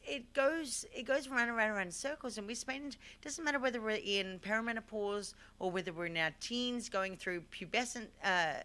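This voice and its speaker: A woman hosting a live call-in talk show, talking in a loose, animated way and often repeating herself. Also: medium pitch. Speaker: show host. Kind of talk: casual live call-in chat.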